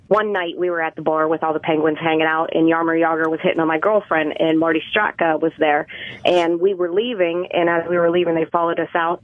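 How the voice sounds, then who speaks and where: A woman's voice: sits low, no room sound. A woman phones in to a radio show and tells a long, rambling story. Her voice comes through a dry, tinny phone line. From Seattle area. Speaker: caller. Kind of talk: telling a story over the phone.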